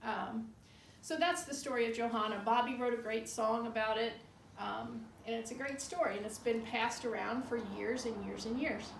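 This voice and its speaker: Woman tour guide, higher voice, creaky edges, conversational storytelling, matter-of-fact, roomy distant recording. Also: steady tone, moderate pace. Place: indoor room of an old bar building. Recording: roomy echo, distant mic, faint noise.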